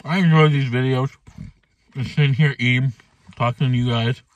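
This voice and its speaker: A man's voice: mid-range voice, steady tone, moderate pace, highs cut off. A man in his thirties chatting casually to camera while eating in a mukbang vlog, recorded inside a car. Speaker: food vlogger. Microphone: phone or camera at arm's length.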